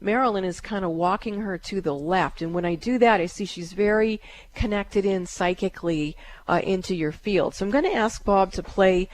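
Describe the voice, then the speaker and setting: A middle-aged woman hosting a call-in radio show as a psychic medium, talking calmly and soothingly with many fillers. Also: a little hiss or hum. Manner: calm, soothing, with frequent fillers; chants in a high drawn-out voice.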